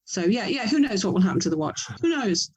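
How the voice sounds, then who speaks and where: Fast and very animated, this English woman has a mid-range, darkish, slightly rough voice. She's an author and audio drama producer giving an effusive, enthusiastic, conversational interview.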